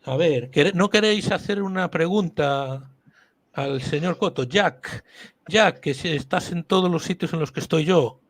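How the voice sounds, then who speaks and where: A man hosting a live-stream talk, relaxed and jokey. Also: on the high side, a little slow. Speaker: host.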